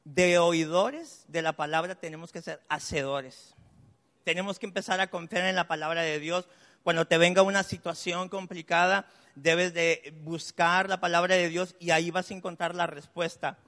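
High-voiced pastor in a reverberant hall. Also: male voice, steady tone, normal speed, fairly bright tone. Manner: conversational preaching, chatty asides and personal stories. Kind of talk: sermon. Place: church hall. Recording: long church-hall reverb.

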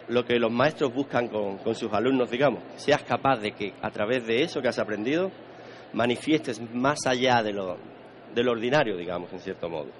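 A man with a Spain Spanish accent lectures an audience on the Eastern arts. He talks in an easy, conversational way, repeats his words and often asks whether people are following. His voice sits at an ordinary middle pitch, with faint noise in the background.

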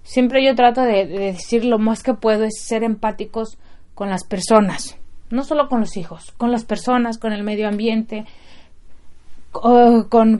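A woman's voice: on the high side, dark tone. Earnest woman speaking to mothers. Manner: earnest, conversational, checks in with the audience. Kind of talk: motivational talk to an audience.

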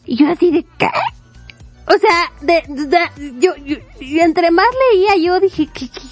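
High-pitched woman, a lively storyteller who acts out character voices. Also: a little slow, soft background music. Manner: animated, chatty, laughs often, acts out characters' lines. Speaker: manga reviewer. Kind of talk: casual retelling of a manga plot.

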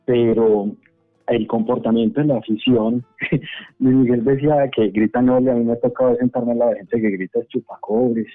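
A man's voice: mid-range voice, fairly even intonation, moderate pace, faint music behind. Joking Colombian man, tinny dry line. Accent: Colombian Spanish. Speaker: panelist. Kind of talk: radio panel discussion. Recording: dry phone-like radio line.

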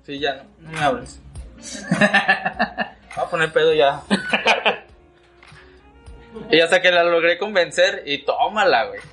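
A man's voice: on the high side, lively intonation, slow, long pauses, pushed and bright, soft background music. A man with a Mexican Spanish accent, co-hosting a casual chat and telling a story animatedly, swearing and laughing along the way. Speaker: podcast co-host. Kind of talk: casual chat among friends.

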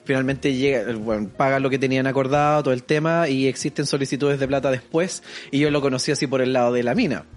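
A man's voice: mid-range voice, fairly even intonation, quick pace, hardly any pauses. A man with a Chilean accent co-hosting a casual, profane chat, laughing often.

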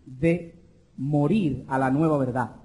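A man interpreting a sermon line by line, keeping pace quickly with the preacher and sometimes restarting mid-phrase. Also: mid-range voice, mellow. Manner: quick, with restarts while translating. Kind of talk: live sermon interpretation into Spanish.

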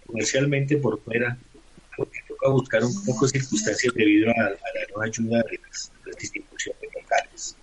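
A man's voice: medium pitch, breathy edge. A man with a Colombian accent interviewing in a casual, informal way, often checking with short tag questions. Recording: noisy remote call with clicks.

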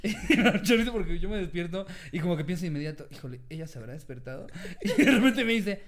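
High-voiced Mexican man telling jokes. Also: animated, fast talker. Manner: laughing storyteller, crude slang. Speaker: podcast co-host, comedian. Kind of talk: casual comedic chat.

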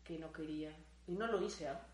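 A woman's voice: sits low, brisk, a little hiss or hum. Swearing young woman, roomy echo. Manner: animated, swears freely, acts out her own thoughts. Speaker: podcast co-host. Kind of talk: casual chat.

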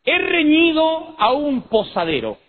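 A man doing a shrill, prim old-school schoolmistress. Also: huge pitch swings, heavily acted. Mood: stern, declaiming. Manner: shrill, drawn-out, declaiming. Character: stern old-fashioned female schoolteacher, prim and strict. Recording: tinny lo-fi recording with faint noise.

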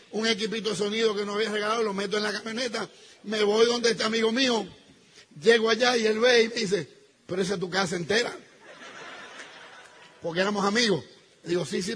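A man telling an audience a personal story, acting out the dialogue and swinging between loud outbursts and hushed asides. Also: sits high, breathy edge. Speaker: speaker telling his business story to an audience.

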